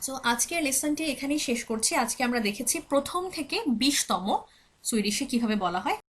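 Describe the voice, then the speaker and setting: A woman teaching a language lesson, explaining patiently and repeating each example word slowly for practice, with English words mixed into her speech. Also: high-pitched, lively intonation, husky.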